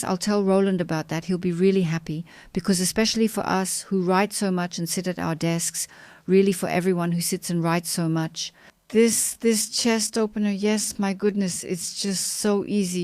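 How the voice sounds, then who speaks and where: A woman in her fifties hosts an interview, speaking in an affirming, encouraging way. Her voice sits a little low and sounds smooth and resonant, recorded dry. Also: steady tone, normal speed, darkish tone, no room sound. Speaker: host. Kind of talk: conversational interview.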